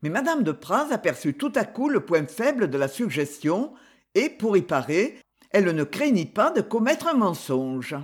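An audiobook reader narrating a classic novel in a measured, expressive manner. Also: mid-range voice, husky.

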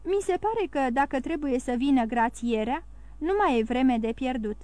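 A woman voicing an uneasy young gentleman asking nervous questions. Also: sits high, no echo, close to an everyday voice.

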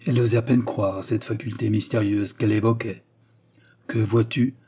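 A man reading a classic novel aloud as audiobook narration, in a measured literary manner. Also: fairly low pitch, fairly even intonation, mellow, slightly rough.

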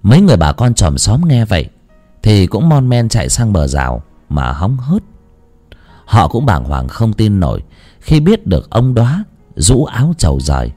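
Man narrating a lively horror tale. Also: on the low side, moderate pace, faint music behind. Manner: dramatic, shifting pace for effect. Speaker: storyteller.

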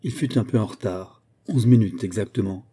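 An audiobook reader narrates a scripted adventure story aloud, keeping a measured, even storytelling manner. His voice is fairly low in pitch with a breathy edge.

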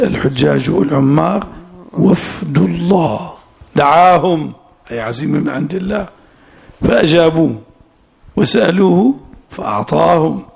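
Man, mosque sheikh, gravelly voice, slightly high, explanatory lesson commentary. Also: darkish tone. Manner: explains phrase by phrase, often interjects "na'am". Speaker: sheikh teaching a fiqh text. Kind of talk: classical Arabic lesson commentary.

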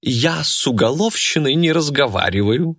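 A man's voice: expressive, normal speed, fairly bright tone, slightly rough, exaggerated voice. A man voicing a brash green-skinned alien female thief who gloats and mocks. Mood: gloating mockery. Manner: shrill, gloating.

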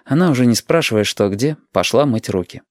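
A man narrating an audiobook in a calm, measured manner with a lively, varied melody. The recording is dry and close, with no room sound. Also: medium pitch, no echo. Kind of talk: audiobook reading.

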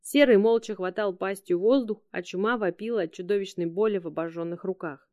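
A woman reading an audiobook in a steady, matter-of-fact narration. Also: medium pitch, a little fast, no room sound, clean studio sound. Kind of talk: scripted narration.

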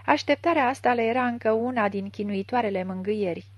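A woman's voice: fairly high pitch, no echo. Woman reading a literary story. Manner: measured, expressive reading. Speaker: audiobook reader. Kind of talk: literary audiobook narration.

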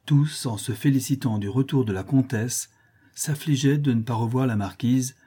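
A man reading a classic novel aloud as an audiobook narrator, in a measured literary manner. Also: mid-range voice, mellow, slightly rough. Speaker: audiobook reader.

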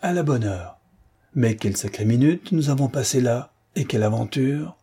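A man's voice: mid-range voice, lively intonation, normal speed, mellow, breathy edge. A man voicing a jovial army captain who gives orders to his wounded soldiers, by turns commanding and affectionate. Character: hearty male army captain, convalescent officer.

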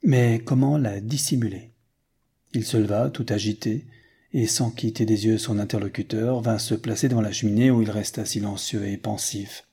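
A man narrating a classic novel in a measured, unhurried way. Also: on the low side, fairly even intonation, dark tone, husky. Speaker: audiobook narrator. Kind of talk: scripted narration.

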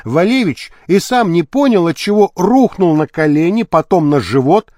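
Male audiobook narrator, expressive and dramatic, high voice, dry close mic. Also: normal speed, dry recording. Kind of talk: scripted narration.

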